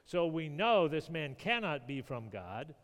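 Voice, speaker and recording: A man preaching a sermon, acting out the people in the scripture with animated storytelling. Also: a little high, a little slow. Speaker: pastor. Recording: long reverb of a hall.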